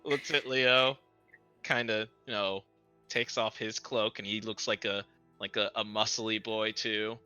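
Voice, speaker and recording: A man's voice: fairly low pitch, little pitch movement, sharp tone, smooth, muffled recording, faint music behind. A man running a tabletop role-playing game as game master, narrating scenes with frequent laughs and restarts. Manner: laughs often, halting restarts.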